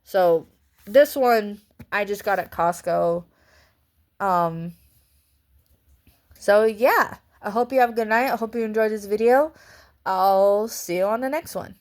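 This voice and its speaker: Woman vlogger chatting about a book she loved, rambly, laughs a lot, mid-pitched voice. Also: measured pace, pauses often. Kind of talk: casual vlog review.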